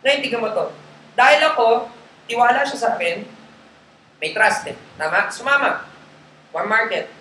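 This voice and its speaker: A man's voice: very high-pitched, normal speed, pauses often, bright, forceful tone. A man coaching a group in a live training session, talking casually in Tagalog mixed with English and checking in with listeners often. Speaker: network marketing trainer. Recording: roomy echo, faint background noise.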